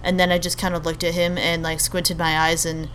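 Young woman rambling on her podcast, lowish voice, faint room hum behind. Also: level tone, fairly quick, a bit bright. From Albania. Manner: chatty, rambling, many fillers and self-corrections. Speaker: podcast host. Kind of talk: casual monologue.

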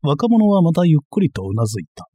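A man narrating a comic historical novel in a measured storytelling manner, doing every character himself. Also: a little high, big pitch swings, dark tone, slightly rough, no echo. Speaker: audiobook narrator.

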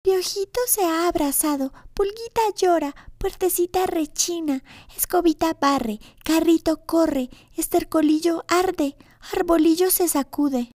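A woman's voice: very high voice, measured pace, hardly any pauses, a little mellow, no room sound, clean studio sound, pitched above the performer's own voice. A woman voicing an earnest little girl in a storybook tale, speaking in a sing-song way. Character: young girl carrying a water jug, earnest.

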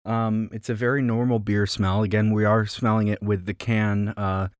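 A man with a fairly low voice chats casually as a co-host, hesitant and full of restarts. His voice comes through a glitchy internet connection as robotic, low sample rate audio. The signal is dry, with no room sound. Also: level tone, clear, resonant tone, dry recording. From Rochester, New York. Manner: easygoing, halting, with many fillers and restarts. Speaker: co-host reviewing beer. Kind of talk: casual chat. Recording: glitchy low-quality online call audio.

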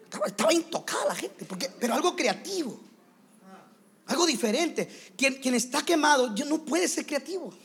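A man preaching a sermon to church leaders, animated and playing out quick scenes in other voices. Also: extremely high pitch. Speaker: pastor.

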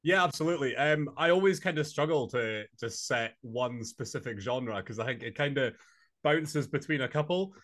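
A young adult man from Scotland with a Highland Scottish accent, chatting casually as an interview guest. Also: moderate pace, fairly bright tone. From Inverness, Scotland. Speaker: podcast guest, singer-songwriter.

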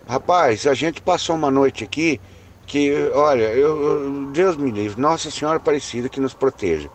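A man's voice: medium pitch, normal speed, a little hiss or hum, voice pushed up, lightly acted. A man voicing a frightened, pious older farm woman who is near tears.

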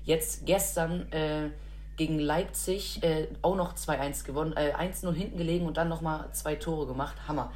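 A woman's voice: low-pitched, fairly even intonation, moderate pace, a little mellow, slight background noise. A woman co-hosting a casual chat about football, talking enthusiastically with many fillers. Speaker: football podcast co-host.

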